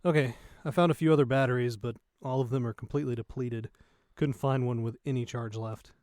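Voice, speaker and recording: A man's voice: medium pitch, steady tone, brisk, a little mellow, no room sound, clean studio sound, natural voice. A man playing a dismissive, money-minded spaceship salvage worker in a science fiction audio drama, practical and sarcastic. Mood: matter-of-fact.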